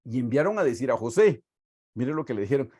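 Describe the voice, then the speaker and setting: A man with a Guatemalan Spanish accent delivering a sermon. He reads scripture aloud and slows down to stress key words. His voice sits at a middle pitch, recorded dry and close. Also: sing-song, a little mellow, husky, dry recording. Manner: preaching, reading scripture aloud with slow emphatic stresses. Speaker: pastor.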